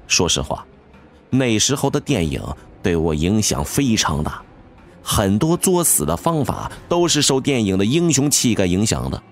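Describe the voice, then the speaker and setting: A man narrating a first-person horror audiobook with an expressive, dramatic storytelling manner. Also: lowish voice, moderate pace. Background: faint music.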